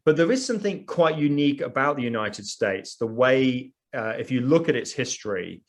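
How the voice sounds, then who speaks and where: A man with a British accent, a sociologist answering panel questions in a relaxed, conversational way with frequent fillers. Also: medium pitch, normal speed. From United Kingdom.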